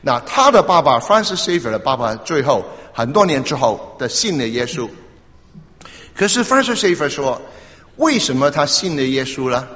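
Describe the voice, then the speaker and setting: Halting older preacher in an echoey hall. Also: male voice, medium pitch, very animated, a bit bright. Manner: halting, repeats words, interjects 哈 and 啊. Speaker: pastor. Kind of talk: storytelling sermon. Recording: echoey hall, dull lo-fi sound.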